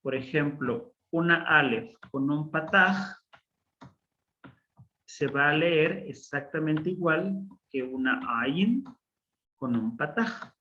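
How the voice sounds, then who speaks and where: Man teacher with a slightly high, bright voice, patient and unhurried, on a muffled online class recording. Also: a little hiss or hum. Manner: slow, patient explaining with frequent fillers. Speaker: Biblical Hebrew teacher.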